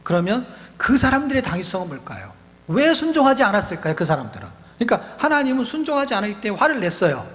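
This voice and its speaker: A man's voice: high voice, sing-song, fast talker, a bit bright, in a large hall. A male pastor preaching at a youth retreat, explaining scripture in a conversational way, repeating key words and asking the audience questions. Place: church hall.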